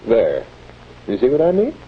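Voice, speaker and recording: A man's voice: mid-range voice, huge pitch swings, normal speed. An actor playing an exasperated, plain-spoken American factory foreman with a wry manner in a 1940s instructional film. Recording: muffled, hissy 1940s film soundtrack.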